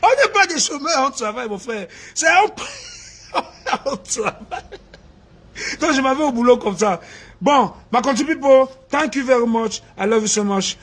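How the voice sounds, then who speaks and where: A man, talking to his supporters in a casual live video, animated and laughing, slipping into Pidgin English. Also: very high-pitched, normal speed. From Cameroon. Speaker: activist addressing supporters.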